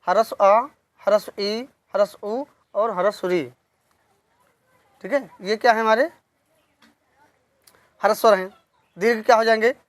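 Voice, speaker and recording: A woman teaching a lesson on poetics, slowly repeating key terms and asking questions that she then answers herself. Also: mid-range voice, steady tone, dry recording. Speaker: Hindi literature teacher. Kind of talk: online exam-prep lesson.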